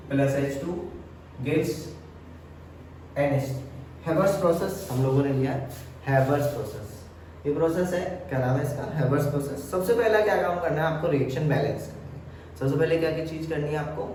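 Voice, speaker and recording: A man's voice: a little high, darkish tone. Male chemistry teacher, classroom lesson, distant mic, faint room noise. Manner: asks questions then answers them himself. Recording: echoey room, mic far off.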